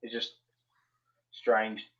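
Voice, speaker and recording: A man's voice: drawn-out words, bright, forceful tone. A man chatting casually over a video call, repeating his words as his voice breaks up and drops out of the choppy stream. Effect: choppy online stream, voice breaking up and dropping out. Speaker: video chat participant. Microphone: video call microphone. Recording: dull lo-fi call audio.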